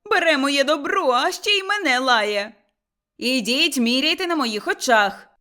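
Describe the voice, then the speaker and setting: A woman voicing a combative young village wife who shouts and scolds in a high, loud voice. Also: big pitch swings, normal speed. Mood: shrill scolding.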